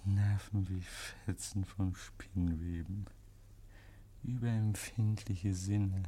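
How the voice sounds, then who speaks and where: A man portrays a guilt-stricken, unhinged killer for a 1950s German radio play, captured in a noisy recording. His voice is deep and dark with a level tone, yet his delivery halts and repeats, sounding haunted and insistent, with gasping whispers and sudden shrieks.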